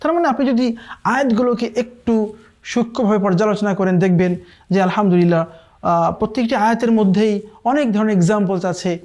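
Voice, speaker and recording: A man teaches Quran recitation in an online lesson. He explains the rules briskly and keeps asking his listeners whether they follow. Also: sits high, darkish tone. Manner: explains quickly, then recites verses slowly and drawn out; often checks in with listeners asking "okay?".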